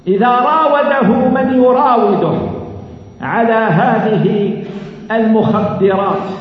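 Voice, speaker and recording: A man preaching a sermon in an Algerian Arabic accent, earnest and emphatic, stretching out key phrases and repeating them. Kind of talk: mosque sermon. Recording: echoey hall, dull low-fi sound.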